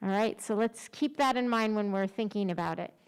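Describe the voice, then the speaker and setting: A woman's voice: medium pitch, a little fast, background noise. A middle-aged woman giving a conversational conference presentation, informal and self-deprecating, speaking through a face mask that slightly muffles her words. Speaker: special education director presenting.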